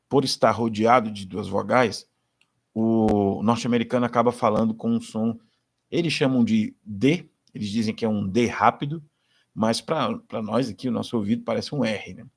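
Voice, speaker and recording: A Brazilian man, a Portuguese speaker, teaching English pronunciation and having learners repeat model sentences slowly. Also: lowish voice. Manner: slow, deliberate model sentences. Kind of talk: pronunciation lesson with repeat-after-me drills.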